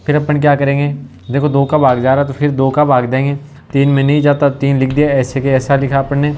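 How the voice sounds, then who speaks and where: A man's voice: mid-range voice, completely flat delivery, a little mellow. A man teaching a maths class for a recruitment exam, walking through each step with questions to the students and checking again and again that they follow. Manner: repetitive, asks the class if they understood; slows down when dictating terms. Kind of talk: exam-prep maths lesson.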